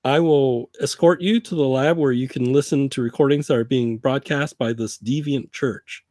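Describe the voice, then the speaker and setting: A man voicing a stern male leader who briefs agents in a measured, formal way for a tabletop game. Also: mid-range voice, fairly even intonation, dark tone, no echo, clean studio sound, natural voice. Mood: measured, commanding.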